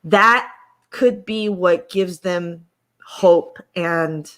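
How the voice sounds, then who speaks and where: A woman's voice: on the low side, very slow, fairly bright tone. A woman hosting a casual chat over a video call, speaking in an encouraging, emphatic way and often tagging her points with a question. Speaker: host.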